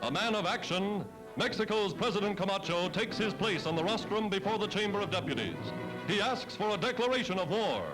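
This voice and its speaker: Heard in poor audio on a vintage soundtrack, an American man narrates a scripted wartime newsreel from the 1940s. His voice sits high and is expressive, a little fast and declamatory in its emphasis, while fairly loud music plays beneath him.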